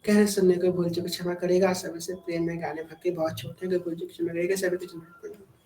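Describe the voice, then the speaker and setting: A woman's voice: fairly low pitch, flat delivery, fast, dark tone, roomy sound, a little hiss or hum, low-quality recording. A woman giving a fervent devotional discourse, urging listeners with rhetorical questions. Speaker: devotional speaker.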